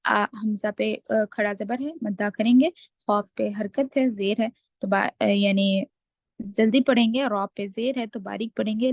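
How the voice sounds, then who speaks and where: A woman teaching Quran recitation rules in a class, slow and deliberate, drawing out the recited words and then explaining each rule. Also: medium pitch, darkish tone, no room sound. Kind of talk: online tajweed class.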